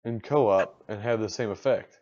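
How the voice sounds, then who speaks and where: A middle-aged man co-hosting a casual podcast chat, blunt and animated, swearing casually. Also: on the low side, moderate pace, muffled recording. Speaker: podcast co-host.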